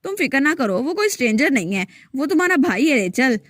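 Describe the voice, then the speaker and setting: A woman's voice: sits high, sing-song, brisk, a bit bright, no room sound, studio quality. A woman voicing a kind young heroine who soothes and reasons patiently in a storybook recap. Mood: soothing. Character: kind young heroine, gentle big-sister type.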